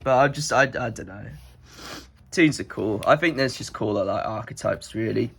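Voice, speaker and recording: This young card collector talks through his collection in a loose, rambling show-and-tell, heavy on filler words and nasal from a head cold. His lowish voice has vocal fry and a husky, slightly bright quality, at a moderate pace.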